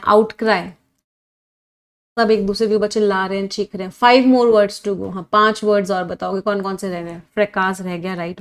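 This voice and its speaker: A woman teaching English vocabulary in an online class, quizzing her students, praising their answers and switching between Hindi and English as she spells words out. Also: medium pitch.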